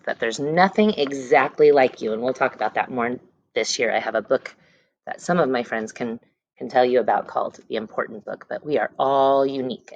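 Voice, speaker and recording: In poor-quality audio, a woman with a rumbling low voice reads a picture book to young children. She's an elementary school teacher reading to her class, stressing words and letter sounds and tossing in short explanations.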